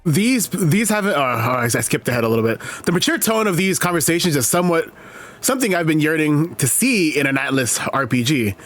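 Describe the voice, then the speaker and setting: A male streamer reads game reviews aloud and rambles through joking asides. His voice sits high for a man and leaps around animatedly. He laughs often between remarks. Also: lively intonation, fairly quick, fairly bright tone, soft background music. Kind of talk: casual live-stream reaction, reading aloud.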